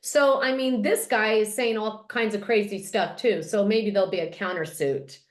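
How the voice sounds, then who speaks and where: A woman's voice: mid-range voice, moderate pace, echoey room. A woman hosting a gossip show, recapping scenes and acting out quotes in voices. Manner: animated, acts out quotes in voices. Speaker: podcast host.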